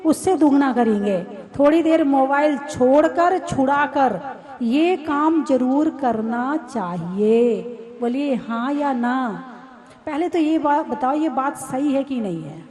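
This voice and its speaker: High-voiced woman preaching slowly. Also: mellow. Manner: conversational, teasing, asks the crowd questions. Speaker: Jain nun preaching. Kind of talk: sermon to a live audience. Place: hall with a live audience.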